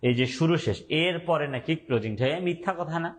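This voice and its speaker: A young man teaching an online class, speaking slowly and deliberately, repeating points and quizzing his students. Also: fairly high pitch.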